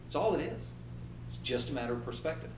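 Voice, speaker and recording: A man in his fifties giving an animated motivational workshop talk and acting out inner voices. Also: a little high, fast talker, echoey room, far from the mic, noisy background. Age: 50s. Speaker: trainer.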